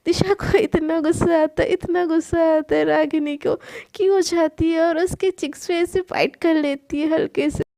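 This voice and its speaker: A woman telling a love story in a chatty, lively spoken retelling. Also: very high voice, normal speed, creaky.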